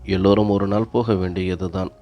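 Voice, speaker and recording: Brief: cold, dismissive grown son, read by a low-voiced male narrator, storybook telling. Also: fairly even intonation, normal speed, dark tone. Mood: impatient, scornful. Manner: irritated, dismissive.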